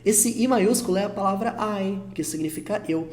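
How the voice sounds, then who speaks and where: A man with a Brazilian Portuguese accent teaching an online English lesson, patient and reassuring, repeating each example slowly. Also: high-pitched, darkish tone. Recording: roomy echo.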